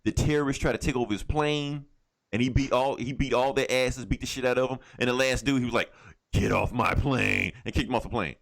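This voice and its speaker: A male podcast co-host trades casual, opinionated pop-culture banter as a fan, swearing a lot. His voice is medium-pitched, fairly quick and fairly bright, with vocal fry.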